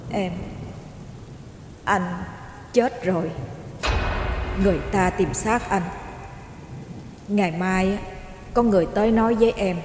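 A woman acts out the ghost of a drowned man, speaking softly and remotely. Faint music lies underneath. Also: medium pitch, slow, long pauses, reverberant, big-room sound, close to an everyday voice. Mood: eerie, distant. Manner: distant, hushed. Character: drowned husband's ghost, distant and solemn.

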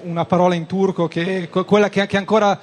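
A man hosting a radio chat, teasing and joking with quick interruptions. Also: high voice, flat delivery. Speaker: radio host.

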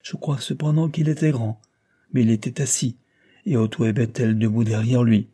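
A man reading aloud voices a sickly, anxious older woman who talks in a hushed, plaintive way. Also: medium pitch, fairly even intonation, moderate pace, slightly rough, close to an everyday voice. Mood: fearful, plaintive. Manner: fearful, plaintive.

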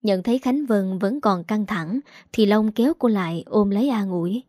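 A woman narrating a romance story in an even, plain reading style. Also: medium pitch, normal speed, no echo, studio quality.

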